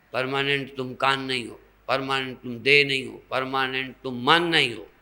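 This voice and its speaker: An older man delivers a spiritual sermon at a very unhurried pace, his voice gravelly and fried at the edges. The tone is bright and forceful, a little higher than most men, and he teaches by posing questions to his listeners. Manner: slow, teaching with rhetorical questions and examples. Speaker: swami giving a spiritual discourse.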